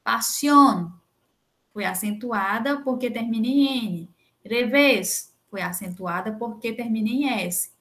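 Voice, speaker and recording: A woman's voice: fairly high pitch, takes it slowly, a bit bright. A young adult woman with a Brazilian Portuguese accent, teaching a Spanish lesson and patiently explaining rules with frequent checks like "né?" and "tá?". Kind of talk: recorded online lesson.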